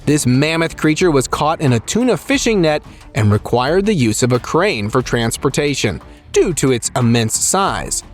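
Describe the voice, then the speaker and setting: A man reading scripted nature documentary narration for a video about strange creatures, as a voice-over. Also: a little high.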